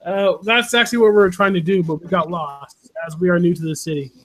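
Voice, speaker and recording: A man with a high voice playing in a tabletop game. He is easygoing and laughs while he describes what his character does. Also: steady tone, fairly quick, a bit bright. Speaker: player. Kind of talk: casual tabletop play.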